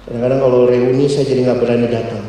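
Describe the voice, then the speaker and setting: A young man preaching a personal testimony sermon, swinging between loud exclaims and low murmurs. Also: flat delivery, very fast, recorded from a distance, slight background noise. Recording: roomy hall, heard from afar.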